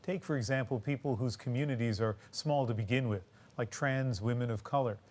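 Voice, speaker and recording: Man, news anchor, scripted narration, measured, mid-pitched.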